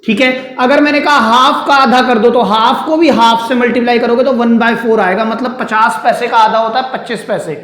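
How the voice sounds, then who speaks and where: A man teaches maths at a board in a classroom, his very high, slightly bright voice steady, at normal speed and with hardly any pauses. He explains step by step, asks his students questions and answers them himself, and calls them "beta" and "sir"; the room is echoey.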